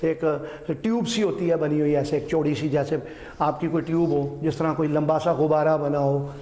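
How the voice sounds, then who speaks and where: High-voiced teacher lecturing in an echoey room. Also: male voice, steady tone, moderate pace, dark tone. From Pakistan. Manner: repeats terms, checks in with "ठीक है"; mixes English terms into Urdu. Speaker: science teacher. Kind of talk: classroom biology lecture.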